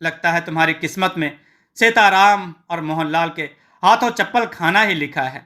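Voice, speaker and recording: A man voicing a sharp-tongued village wife who scolds her husband in an exasperated, shrill way. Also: normal speed. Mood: scolding.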